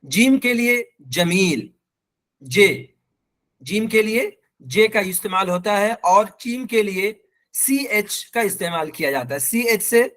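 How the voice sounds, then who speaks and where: A man teaching an online language lesson with a Pakistani accent, patient and repeating each example slowly. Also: high-pitched, a bit bright. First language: Urdu.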